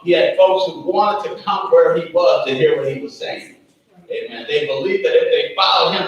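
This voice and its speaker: A man's voice: a little high, fairly bright tone, dull audio. A man as pastor, preaching a sermon with a folksy manner, often saying "Amen" and chuckling between points. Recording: echoey church room from far off, faint background noise.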